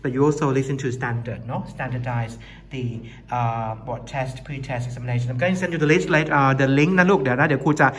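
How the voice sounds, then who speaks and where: A man's voice: medium pitch, slow, a bit bright, a little hiss or hum. A man teaching English with a Thai accent, encouraging his students and switching between English and Thai in a casual classroom manner.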